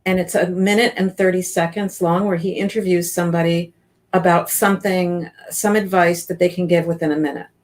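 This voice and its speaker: Woman, fifties, lowish voice, chatty, enthusiastic, casual interview guest. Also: fairly even intonation, fairly quick, a little mellow. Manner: chatty and enthusiastic, with frequent restarts. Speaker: guest business coach.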